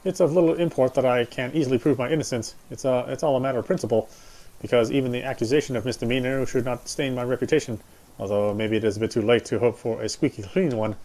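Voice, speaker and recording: Reading a game character's story narration aloud, a man occasionally stumbles and goes back over lines while music plays softly underneath. His voice is mid-range and steady, and he moves at a quick pace.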